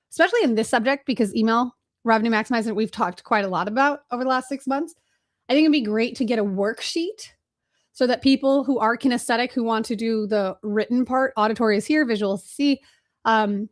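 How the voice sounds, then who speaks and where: This Chicago webinar host and agency trainer teaches live in a higher voice. Her delivery is quick, energetic and straight to the point, and her casual speech is sprinkled with fillers.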